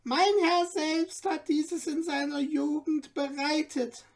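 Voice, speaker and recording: A woman voicing a tiny, courteous and excitable male dwarf guide in a storybook reading, speaking in an ornate, eager way. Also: slow pace. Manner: ornate, polite, squeaky and eager.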